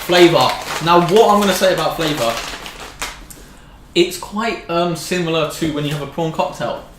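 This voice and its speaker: A man's voice: a little high, normal speed. A man hosting a casual snack review in conversation. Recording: echoey room with background noise.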